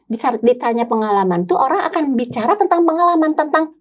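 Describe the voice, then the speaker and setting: A woman's voice: sits high, lively intonation, fast talker. An older woman who works as a psychologist, talking in a podcast conversation and telling stories animatedly, acting out her clients' voices.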